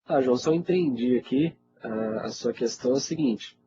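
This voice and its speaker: Speaking at a normal speed over music, this mid-range male voice belongs to a Brazilian IT teacher with a cold who sounds stuffed up. He answers questions informally in a live webinar, frequently checking on his audience. Heavy noise sits under the dull, low-fidelity sound.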